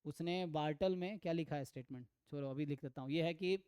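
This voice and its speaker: A man teaching an online exam-prep math lecture, thinking aloud and reading theorem statements slowly. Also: on the high side, warm tone, clear, resonant tone, no echo. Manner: thinks aloud, mixes Hindi with English terms. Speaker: math tutor.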